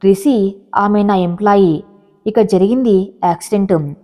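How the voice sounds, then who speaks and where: A woman voicing a stern, restrained male boss who speaks gravely and in a measured way. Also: mid-range voice, mellow, natural voice. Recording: long hall reverb.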